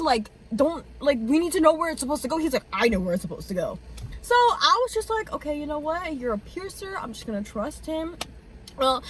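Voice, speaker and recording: A woman in her twenties, a co-host, tells a long story in casual chat, talking fast and peppering it with "like" fillers and swearing. Her voice is fairly high-pitched and a bit bright.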